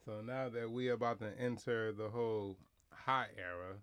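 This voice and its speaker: A man's voice: fairly low pitch, fairly even intonation, moderate pace, fairly bright tone, clear, resonant tone, lo-fi sound. A young man co-hosting a podcast, talking in loose, profane, slangy banter. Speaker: podcast co-host. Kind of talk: casual chat.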